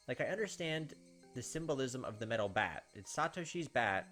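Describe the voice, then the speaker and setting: Over game music, a man with a mid-range, somewhat bright voice reads a visual novel aloud in dramatic first person. He's a gaming host and drops casual asides between lines.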